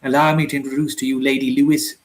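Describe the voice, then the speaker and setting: A man's voice: mid-range voice, little pitch movement, fast talker, close to an everyday voice. A man voicing a haughty, stiffly polite aristocratic husband, in a storybook reading.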